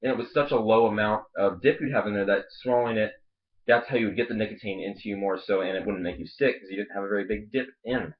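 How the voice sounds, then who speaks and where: A man's voice: on the low side, quick pace. A man hosting a casual review video, rambling and swearing, talking with a lip full of dip. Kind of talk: casual product review chat. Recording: dull lo-fi home video audio.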